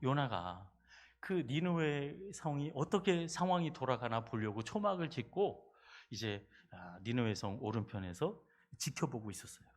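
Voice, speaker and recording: A male pastor giving a sermon, telling the story in an animated way and quizzing his listeners. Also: mid-range voice, moderate pace.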